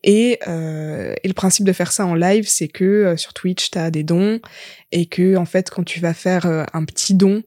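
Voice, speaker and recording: Young female guest, lowish register, dry mic, easygoing talk full of "euh". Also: measured pace, dry recording. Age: young adult. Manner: relaxed, reflective, many fillers and restarts. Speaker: podcast guest, musician. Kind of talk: casual chat.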